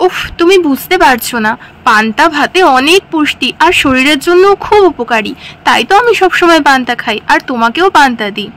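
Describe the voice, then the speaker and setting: Woman doing an insistent village wife, high voice, fussing, doll cartoon. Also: lively intonation, fairly quick, fairly bright tone. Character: village wife obsessed with stale rice. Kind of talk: doll-story cartoon voicing.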